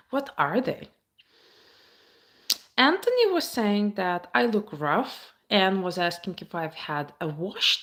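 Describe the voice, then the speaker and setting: A woman from the states, chatting casually on a phone live stream, reading viewer comments aloud and answering them. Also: on the low side. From Baltic states.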